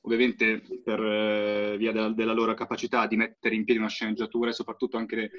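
A man's voice: fairly low pitch, monotone, quick pace. A young man chatting casually about films, enthusiastic and opinionated, with frequent hesitant fillers. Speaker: podcast co-host. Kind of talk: casual film chat. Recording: dull lo-fi audio.

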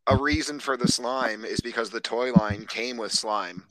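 A man's voice: mid-range voice, moderate pace, fairly bright tone, dry recording, rough recording. A man co-hosting a podcast, chatting loosely about movies and swearing often. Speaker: podcast co-host. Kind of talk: casual chat.

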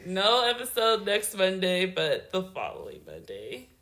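A woman in her late twenties co-hosting a podcast, chatting in a giggly, expressive way. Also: mid-range voice, measured pace. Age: late 20s. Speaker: podcast co-host. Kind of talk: casual chat.

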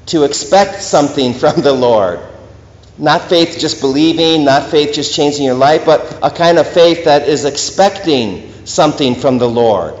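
Earnest priest preaching in an echoing church. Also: male voice, mid-range voice, darkish tone. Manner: earnest, emphatic teaching. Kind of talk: sermon. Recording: echoey church hall, dull lo-fi.

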